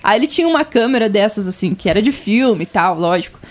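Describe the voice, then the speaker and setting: A woman telling a childhood story in a relaxed, casual podcast chat, laughing now and then. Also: medium pitch, quick pace.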